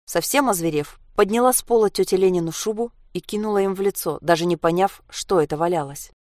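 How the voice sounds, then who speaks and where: A woman reading a story aloud in a steady narrating manner. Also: on the low side, a little fast, no room sound, clean studio sound. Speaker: reader.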